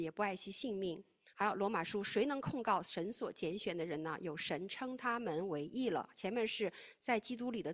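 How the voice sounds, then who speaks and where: A woman preaches and teaches in a lively way, her medium-pitched voice shifting from loud and emphatic to quiet and hushed.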